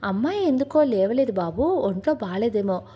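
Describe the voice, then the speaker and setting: A woman's voice: fairly high pitch, sing-song, normal speed, mellow, husky. Woman reading as a fussing old housemaid. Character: old housemaid, fussy and caring.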